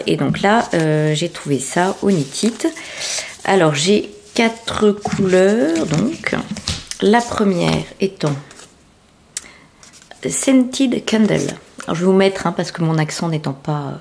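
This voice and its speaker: A woman's voice: fairly low pitch, creaky, slight background noise. A woman hosting a casual knitting and sewing podcast, talking chattily with frequent hesitations while showing her work. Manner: chatty, many hesitations and fillers, showing items to camera. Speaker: podcast host.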